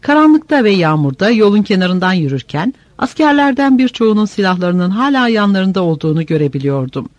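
A man reads an audiobook in a steady, measured way. His voice is high and moves a lot in pitch. The recording is close and dry. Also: no echo, dull audio. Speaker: audiobook narrator. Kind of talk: scripted narration.

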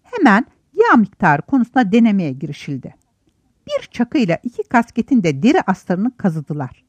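Woman narrating a story with lively pitch. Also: normal speed, slightly rough, dry recording. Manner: expressive, animated storytelling. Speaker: audiobook narrator. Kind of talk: scripted narration.

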